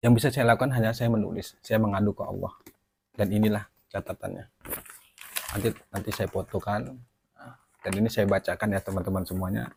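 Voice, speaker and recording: A man giving an emotional personal testimony to his viewers, talking haltingly and apologizing for stumbling over his words. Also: fairly low pitch, fairly even intonation, vocal fry, a little mellow, slight background noise. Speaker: channel host.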